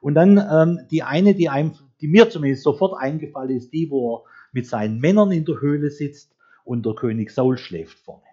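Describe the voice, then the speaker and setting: A man preaching a conversational, storytelling sermon who slows down to read scripture aloud. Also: on the high side, warm tone, husky. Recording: dull lo-fi recording.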